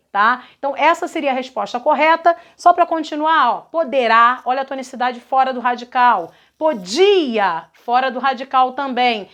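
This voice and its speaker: A Brazilian woman with a high voice teaches a recorded grammar lesson, working through exercises one by one. She explains patiently and keeps checking that her students follow along. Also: a bit bright. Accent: Brazilian Portuguese. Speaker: Portuguese teacher.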